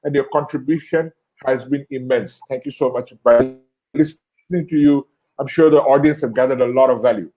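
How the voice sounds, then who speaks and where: A man from Bangladesh hosting an interview show, thanking his guest in a halting way, with many fillers and repeated words. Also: medium pitch, fairly even intonation, mellow. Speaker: host. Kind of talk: closing an online interview show.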